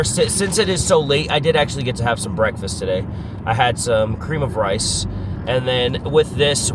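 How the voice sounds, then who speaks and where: A young man who's a fitness vlogger and trainer records a casual vlog and voice-over narration from his car, his nose stuffy and congested. His voice is medium-pitched, he's upbeat and rambling with fillers, and there's background noise.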